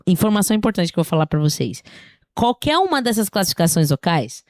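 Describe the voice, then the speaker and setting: A woman's voice: lowish voice, sing-song, fast talker, darkish tone, no room sound, clean studio sound. A woman singing teacher with a slightly sore throat, giving a casual spoken lesson, explaining things in a chatty way and often checking in with her listeners.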